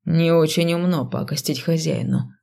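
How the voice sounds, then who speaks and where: A woman voicing a gruff, curt male necromancer. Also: normal speed. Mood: dry. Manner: curt, snapping, low and hushed. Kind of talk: audiobook reading.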